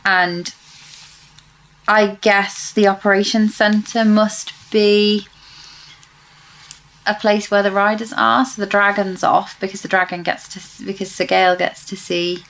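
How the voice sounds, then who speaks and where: Creaky woman chatting. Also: medium pitch, level tone, a little slow, fairly bright tone, poor audio. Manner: chatty, speculative, self-correcting. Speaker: podcast co-host. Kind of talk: casual book discussion.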